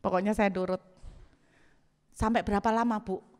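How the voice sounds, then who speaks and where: A woman pastor, preaching a sermon as an animated story with acted-out dialogue. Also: moderate pace. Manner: animated storytelling, acts out dialogue, laughs, bursts into high exclamations. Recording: long hall reverb.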